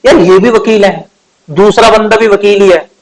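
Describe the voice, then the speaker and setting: A man's voice: high voice, moderate pace, poor audio. A man, teaching law in a chatty lecture and asking the class questions. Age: 20s. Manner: conversational, asks rhetorical questions, stretches key words.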